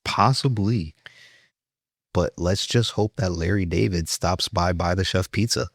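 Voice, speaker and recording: A man's voice: deep voice, a little slow, no room sound, clean studio sound. A man with a New York accent, a chef being interviewed, telling his story earnestly with fillers and restarts. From Brooklyn. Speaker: chef, guest.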